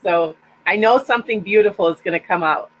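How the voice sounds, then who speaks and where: A woman's voice: mid-range voice, fairly quick. An older woman sharing an emotional message with her team, tender and pleading. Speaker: guest speaker on a team call. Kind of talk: heartfelt personal sharing. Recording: dull lo-fi line with faint hum.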